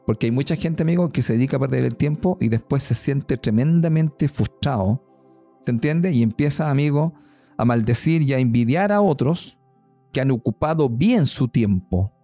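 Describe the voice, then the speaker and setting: A man's voice: medium pitch, warm tone. Preachy man saying "amigo" a lot. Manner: preachy, repeats "amigo" to the listener. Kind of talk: motivational podcast chat.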